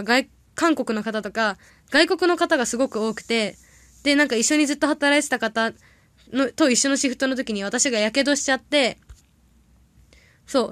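A young woman chatting casually on a livestream, reading viewer comments aloud and telling rambling stories with quick reactions. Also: fairly high pitch, a bit bright, no room sound. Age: young adult. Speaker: idol audition candidate livestreaming.

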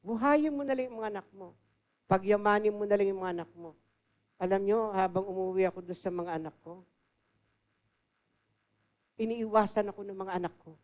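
An assistant pastor preaches a storytelling sermon in a mid-range voice at a moderate pace, pausing often. Her storytelling is conversational, sprinkled with English phrases, and she frequently shifts between loud and soft.

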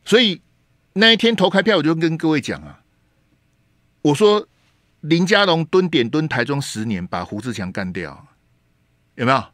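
Taiwanese radio host guy, lively up and down voice, pushy rhetorical questions, dry studio sound. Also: a little high, normal speed, long pauses, no echo. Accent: Taiwanese Mandarin. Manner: emphatic, rhetorical questions, slips into Taiwanese Hokkien words. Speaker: radio talk show host. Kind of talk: political commentary monologue. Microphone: studio microphone.

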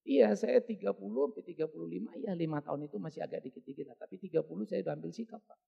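A woman's voice: on the low side, fast talker, gravelly, husky, muffled recording, pitched below the performer's own voice, full character voice. A man quoting an elderly woman who talks in a plain, chatty way. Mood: recounting. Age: older. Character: calm elderly woman recalling her marriage.

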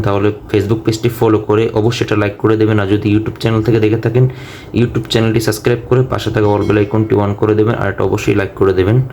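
A man's voice: on the low side, a little mellow, slight background noise. Man spelling out recitation syllables. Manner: spells out each letter and vowel sign, then joins the syllables; brisk, matter-of-fact explaining. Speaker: Quran teacher. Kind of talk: step-by-step recitation lesson.

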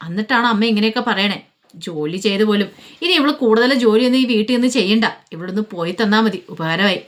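A woman voicing a harsh, scornful middle-aged mother who talks in a sharp, dismissive way. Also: mid-range voice, animated, a little fast, lightly acted.

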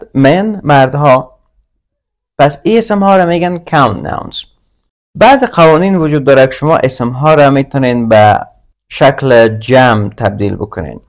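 A man teaching an English grammar lesson, reading English example words slowly and deliberately in pairs. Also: mid-range voice.

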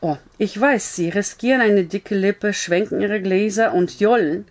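A woman's voice: medium pitch, a little slow, lightly acted. A woman reading a story aloud, voicing a frank, blunt but comforting young woman in an earnest, raised voice.

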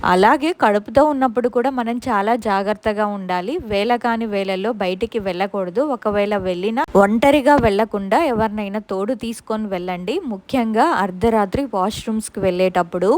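A woman's voice: medium pitch, a little fast, hardly any pauses, darkish tone, no echo. A woman narrating a first-person ghost story in an earnest, conversational way.

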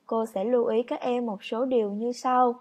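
A woman teacher narrating a scripted lesson for children, instructive, reading example sentences out slowly like dictation. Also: fairly high pitch, steady tone, darkish tone. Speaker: primary school teacher. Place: voice-over on lesson slides.

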